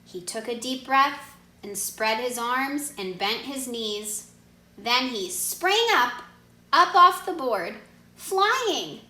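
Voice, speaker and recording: A woman reading a children's storybook aloud expressively, pausing to put questions to her young listeners. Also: fairly high pitch, expressive, sharp tone, a little hiss or hum. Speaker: read-aloud narrator, teacher asking listeners questions. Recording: echoey room.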